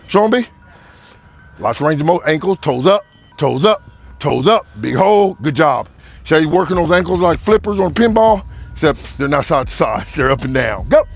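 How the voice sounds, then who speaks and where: A man's voice: on the high side, animated, normal speed, gravelly, husky, faint music behind. A man in his fifties who coaches athletes, calling out footwork drills and counting beats in an upbeat, instructive way. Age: 50s. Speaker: speed coach.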